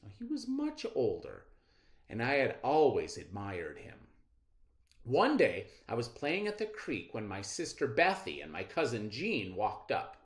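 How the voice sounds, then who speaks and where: In a mid-range voice, a middle-aged man guides kids through reading aloud, explaining carefully with a deliberate, expressive delivery.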